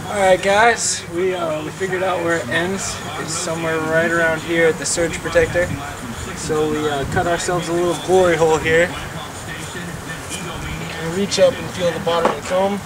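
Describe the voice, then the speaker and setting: A man in a bee veil gives short, matter-of-fact updates on an outdoor job. His voice sits high for a man. Crowd chatter and traffic carry behind him. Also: flat delivery, moderate pace, poor audio. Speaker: beekeeper's helper. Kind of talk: casual on-site explanation. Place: outdoors beside a house wall. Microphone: wearing a bee veil.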